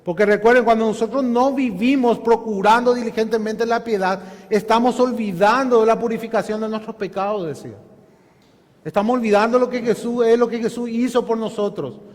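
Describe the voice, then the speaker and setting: In a church hall, a male pastor delivers an earnest Bible study sermon, posing rhetorical questions and repeatedly calling his listeners "hermanos," or brothers. His voice is extremely high-pitched and darkish in tone. He speaks fairly quickly, and a long reverb tail follows his words.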